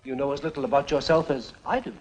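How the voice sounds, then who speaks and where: An actor playing a genial, gallant husband trading screwball comedy banter in a 1930s film, with old soundtrack sound. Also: male voice, medium pitch, steady tone, fast, natural voice, poor audio. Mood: gentle, courteous.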